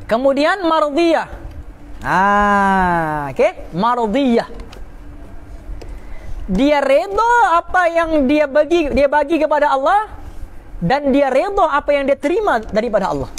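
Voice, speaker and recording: A man's voice: very high-pitched, sing-song, takes it slowly, long pauses. A man teaching a religious class, often checking in with his listeners and drawing out key words for emphasis.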